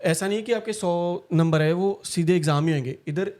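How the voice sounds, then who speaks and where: Fast-talking young man from India. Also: high voice, darkish tone. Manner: fast, storytelling, frequent fillers. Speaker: interviewee. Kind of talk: casual interview chat.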